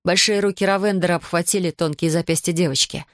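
A woman's voice: on the low side, steady tone, quick pace, no echo, clean studio sound. Woman narrating an audiobook.

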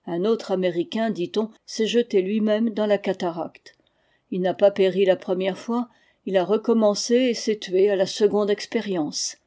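A woman reading a literary memoir aloud in a measured, expressive audiobook narration. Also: medium pitch. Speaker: audiobook reader.

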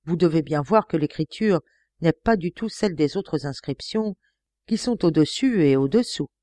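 A woman reading an audiobook, voicing an offended middle-aged widow who runs an inn, with sharp outbursts. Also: sits low, animated, normal speed, no room sound. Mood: puzzled. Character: indignant respectable widow innkeeper, middle-aged.

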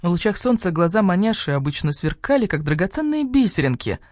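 A woman with a slightly low voice reads a children's story, her intonation swinging widely and playfully. The recording is dry and close, with no room sound. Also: sing-song, a little fast, a little mellow, dry recording. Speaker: audiobook narrator. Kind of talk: expressive children's audiobook narration.

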